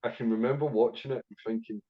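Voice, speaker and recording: This Scottish man is a podcast guest telling stories in a casual interview, swearing freely and rambling with plenty of fillers. His voice is medium-pitched, fast, husky and fairly even in intonation, and the recording has its highs cut off.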